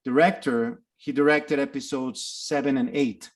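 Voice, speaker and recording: An unhurried, medium-pitched voice belongs to a middle-aged man from Mexico, a guest actor who grew up speaking Spanish and carries a Mexican Spanish accent. In this casual interview he spins animated stories, laughing and restarting often.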